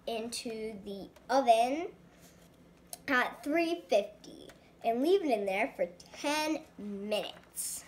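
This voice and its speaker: Woman showing a recipe on camera, slow chatty steps, kinda high bright voice. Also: a little hiss or hum. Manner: chatty, talks through each step to viewers. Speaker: cooking vlogger. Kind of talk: casual cooking demonstration.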